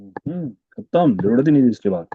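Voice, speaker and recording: A man's voice: medium pitch, sing-song, moderate pace, husky, no echo, phone-quality sound. A man teaching French in an online class, patiently going over each word again and again. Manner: patient, repeats words many times.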